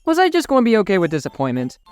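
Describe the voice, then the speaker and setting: A man's voice: sits high, wildly swooping pitch, racing, clean tone, no room sound, faint music behind. A young man narrating a comedic video game review in an exasperated, sarcastic way.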